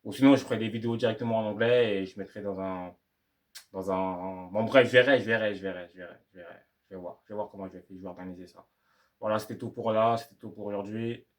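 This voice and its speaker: A young YouTuber talks casually to camera in slangy French, giving tips on learning English in a rambling, repetitive monologue. His voice is on the low side, steady and fast.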